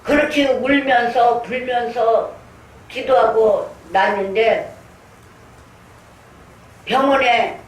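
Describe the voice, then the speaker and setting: Older woman preacher, unhurried and earnest, heard from afar in an echoey church. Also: a little high, steady tone. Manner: earnest storytelling, acting out her own prayers. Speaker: pastor. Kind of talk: sermon with personal testimony. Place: church sanctuary. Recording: echoey room, distant mic, faint noise.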